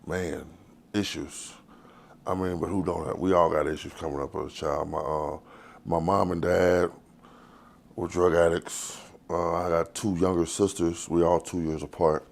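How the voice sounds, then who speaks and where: A man's voice: sits low, flat delivery, measured pace, vocal fry. A man, telling his life story in a loose, rambling, profane way in an interview. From Texas. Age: 40s. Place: outdoors on the street.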